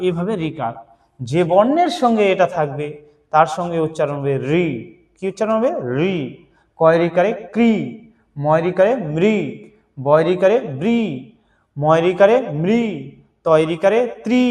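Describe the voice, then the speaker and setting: A man's voice: high voice, darkish tone. A man teaching Bengali vowel signs, asking a question and answering it himself, then chanting examples one after another.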